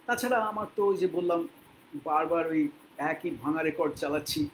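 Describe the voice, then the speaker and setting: High-voiced Bengali man teaching English. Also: slight background noise, poor audio. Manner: patient, repeats words slowly for learners to copy. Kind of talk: spoken English lesson in Bengali.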